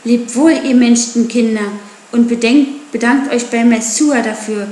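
A woman's voice: on the high side, unhurried, darkish tone, reverberant, natural voice. A woman voicing a defiant wild boy raised by wolves, scornful and taunting. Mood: mocking.

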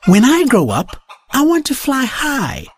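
A woman's voice: high-pitched, wildly swooping pitch, measured pace, slight background noise, voice pushed up, full character voice. A woman voicing a young hen who dreams of flying, in an eager, pleading storybook voice. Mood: hopeful.

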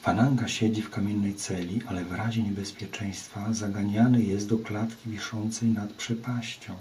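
Male reader doing a fearful prisoner warrior, pleading, low and flat. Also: moderate pace, slight background noise, lightly acted. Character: frightened captive male island warrior.

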